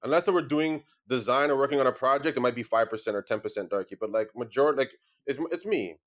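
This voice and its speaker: A man's voice: medium pitch, quick pace. A man chatting casually as a podcast guest, using street slang and repeating himself for emphasis. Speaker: podcast guest, cycling club founder. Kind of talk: casual chat.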